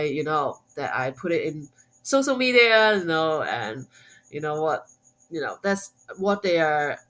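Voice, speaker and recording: A woman's voice: fairly low pitch, low-quality recording. A woman from Hong Kong with a Hong Kong accent, a guest on a podcast interview, speaking English as a second language with many fillers and restarts. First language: Cantonese. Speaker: guest, homeschooling mom and blogger.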